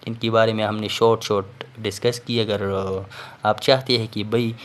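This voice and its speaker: A man giving a recorded lesson, explaining slowly and checking in with the listener after each point. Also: on the low side, fairly even intonation, slight background noise. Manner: explains patiently, repeats "theek hai" and fillers. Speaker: teacher. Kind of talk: recorded classroom lecture.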